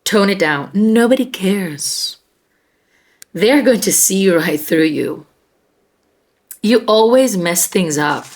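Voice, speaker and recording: A woman's voice: mid-range voice, expressive, slow, long pauses. A woman acting as a scornful, berating mother. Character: mean berating narcissistic mother, scornful and cold.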